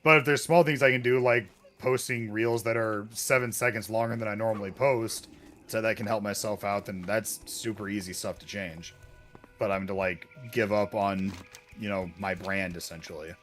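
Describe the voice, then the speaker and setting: A man's voice: lowish voice, fairly even intonation, normal speed, fairly bright tone, soft background music. A man who makes online videos, chatting casually while gaming, rambling and swearing freely. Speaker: content creator.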